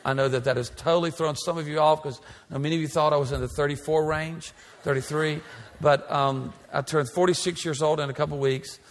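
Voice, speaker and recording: A man's voice: fairly high pitch, steady tone, a little fast. A pastor in his forties preaching a sermon in a church, with an emphatic, repetitive cadence. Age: 40s. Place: large church sanctuary. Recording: church hall reverb.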